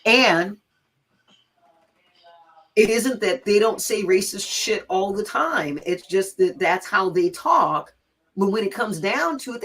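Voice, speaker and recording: A middle-aged woman from Los Angeles with an American accent, telling personal stories in candid chat, blunt and animated, swearing freely and acting out quotes. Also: mid-range voice, slightly rough. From Los Angeles, USA. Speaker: guest teacher telling stories.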